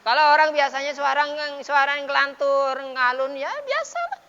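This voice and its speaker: A man teaching recitation rules at a dawn mosque lesson, patiently explaining and then chanting the words slowly and loudly. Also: very high voice, lively intonation. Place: mosque, after dawn prayer. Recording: dull lo-fi sound with long mosque reverb.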